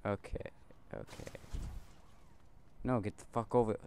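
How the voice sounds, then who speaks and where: A man's voice: fairly low pitch, fairly even intonation, unhurried, darkish tone. Sweary man who says w for r. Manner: says w for r, lisping. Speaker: gaming video co-host. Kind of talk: casual gameplay banter, heavy swearing. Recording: noisy home gaming mic with clicks.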